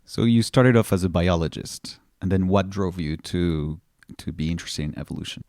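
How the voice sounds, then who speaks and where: Male interviewer, very deep voice, gravelly, curious follow-ups, dry close sound. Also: steady tone, moderate pace, a little mellow, no echo. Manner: curious, asks short follow-up questions. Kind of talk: interview questions.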